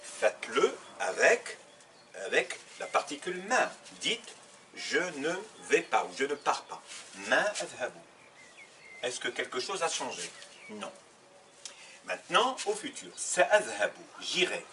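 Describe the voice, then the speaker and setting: A man teaches a grammar lesson with a bright, lively voice that rises and falls a lot. He asks questions and answers them himself, repeating his examples. The mic sits a little far from him, with faint noise behind. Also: a little high, a little slow. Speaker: Arabic teacher. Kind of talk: classroom lesson explaining grammar. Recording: slightly distant mic, faint background noise.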